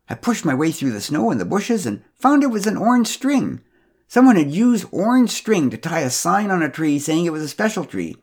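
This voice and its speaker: A bossy older woman neighbor lectures in a high, loud, haughty voice, as a male storyteller puts her on. Her pitch jumps around with animation, with a slightly husky edge. She sounds sure she knows better than everyone. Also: full character voice.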